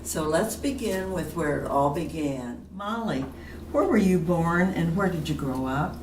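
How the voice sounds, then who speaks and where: Older woman, low voice, friendly interviewer, echoey far-off recording. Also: expressive, a little slow. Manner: friendly, prompting questions. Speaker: interviewer, fellow resident. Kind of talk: oral history interview. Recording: roomy, distant mic with background noise.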